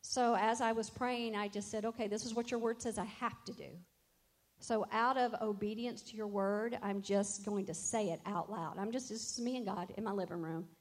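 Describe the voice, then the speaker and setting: A woman's voice: medium pitch, fairly even intonation, moderate pace. A middle-aged woman, a worship leader, telling a personal faith testimony in an earnest, reflective way and quoting scripture.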